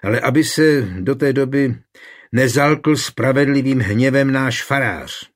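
A man playing a blunt, warm-hearted village man who speaks firmly with a teasing edge. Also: medium pitch, pitched above the performer's own voice, close to an everyday voice.

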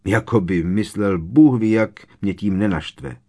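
A man's voice: lowish voice, mellow. A man reading as a defiant teenage boy wizard. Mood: offhand. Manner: protesting, indignant.

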